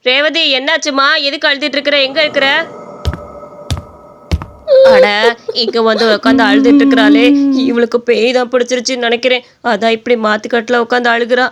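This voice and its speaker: A woman's voice: high voice, fairly even intonation, a little fast, music in the background, natural voice. Older mother-in-law in a cartoon: fretful, fussing, caring; a woman voices her.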